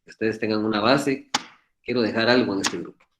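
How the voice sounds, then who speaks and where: A man teaching an online law class over a video call, talking fast in an earnest, fatherly, repetitive way. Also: on the low side, fairly even intonation, noisy background. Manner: talks fast, admits he speaks too quickly. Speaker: law professor.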